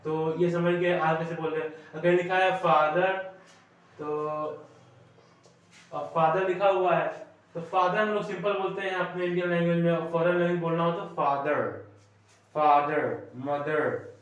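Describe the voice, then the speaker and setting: A man from India, with a somewhat high voice, runs a classroom lesson, explaining patiently and pausing to check that students follow. He is recorded from a distance in a very echoey room. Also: flat delivery. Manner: explanatory, often checks in with "ठीक है?". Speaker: teacher.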